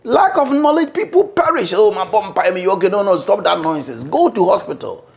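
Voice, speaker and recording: Gravelly Ghanaian bishop, emphatic. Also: male voice, sits high, fairly quick. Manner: animated, preacherly, emphatic. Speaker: bishop, interview guest. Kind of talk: casual interview talk, mixing English and Twi. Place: indoor living room, seated on sofa.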